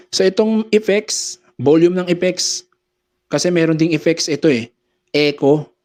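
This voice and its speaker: A man with a slightly higher-than-usual voice walks through audio settings in an easy, explaining tone. He breaks off now and then to run through quick mic-check phrases into a condenser microphone. It sounds like a small home studio. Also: a little mellow. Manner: explains step by step, says mic-check phrases between adjustments. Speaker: audio gear seller and tutorial host. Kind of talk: casual how-to demonstration. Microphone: condenser microphone through a mixer.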